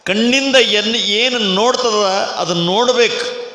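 A man's voice: high voice, a little slow, bright, forceful tone. A man giving a religious discourse at a temple fair, telling the story dramatically and acting out the characters' lines. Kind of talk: sermon storytelling. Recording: echoey hall with music behind.

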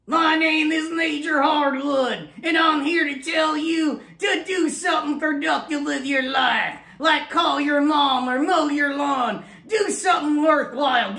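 A man's voice: very high-pitched, sharp tone, pitched above the performer's own voice, heavily acted. A man voicing a scowling, bossy drill sergeant puppet in a ventriloquist act, barking out commands. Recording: roomy echo.

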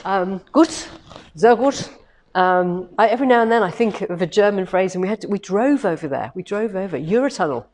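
This shop owner, hosting a live quilting demo, sounds slightly hoarse from a head cold but stays chatty and upbeat, wandering between topics with many ums. Her mid-range voice is brisk and a little mellow, with lively intonation. She's filmed indoors in a spacious showroom with longarm machines, by a camera on a tripod a few metres off.

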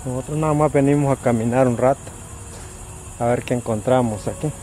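A man's voice: medium pitch, fairly even intonation, brisk, warm tone. A man in his thirties chatting casually to viewers on a night exploration vlog, holding the camera while walking outdoors. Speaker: vlogger. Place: outdoors at night in a grassy area. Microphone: handheld camera at arm's length. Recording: outdoor recording with faint background noise, insects. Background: crickets and insects.

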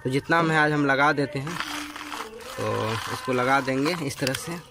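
A man's voice: mid-range voice, unhurried, very noisy. A man hosting a gardening video, explaining step by step as he works outdoors and films on a handheld phone. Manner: explains step by step, repeats "dekhiye" and "theek hai". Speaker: gardening channel host. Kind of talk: casual how-to narration while working. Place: outdoor garden with potted plants. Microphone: handheld phone camera.

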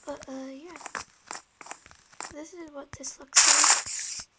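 Speaking very slowly in a high, steady voice, this woman comments casually on a game despite a sore, scratchy throat. She hesitates with frequent ums and at times whispers, while loud hiss and tapping clicks fill the recording.

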